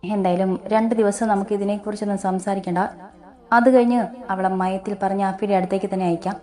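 A woman voicing a scheming sharp-tongued wife. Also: mid-range voice, steady tone, quick pace, natural voice.

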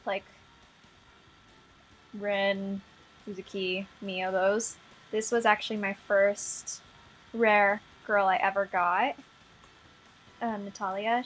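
A young woman chatting through her game pulls in a bubbly, gushing way, giggling and apologizing as she goes. Her voice sits a little high, and she sounds a bit under the weather. Soft game music plays faintly behind her. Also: low-quality recording. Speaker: gaming vlogger. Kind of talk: casual gacha pull commentary.

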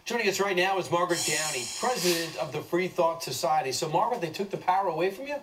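A man's voice: fairly high pitch, expressive, fast, far from the mic, crowd noise, rough recording. A man co-hosting a TV morning show, asking loose, chatty questions with some hesitation. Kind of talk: live TV news interview.

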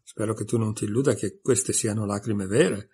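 A man's voice: on the low side, normal speed, dark tone, breathy edge. A man reading aloud and voicing a pompous, quarrelsome little twin who speaks with open contempt. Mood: contemptuous. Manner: contemptuous, emphatic.

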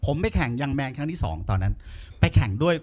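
A man's voice: mid-range voice, quick pace. A man doing stand-up comedy on a club stage, telling stories with lots of swearing and acting out the people in them. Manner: animated, profane, acts out quoted people.

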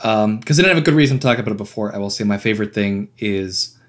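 A man's voice: lowish voice, fast. A man co-hosting a podcast, chatting casually in a wry, opinionated way with laughing asides. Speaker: podcast co-host. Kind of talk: casual chat.

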